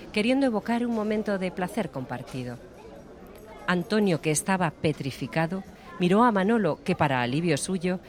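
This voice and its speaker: A man narrating an audiobook in a steady, measured storytelling voice. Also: high-pitched. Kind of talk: scripted narration.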